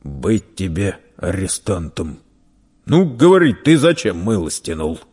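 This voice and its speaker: A man voicing a burly red-bearded merchant who scolds and mocks a young thief loudly. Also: low voice, very animated, measured pace, husky, exaggerated voice. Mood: mocking. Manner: loud, scolding, teasing.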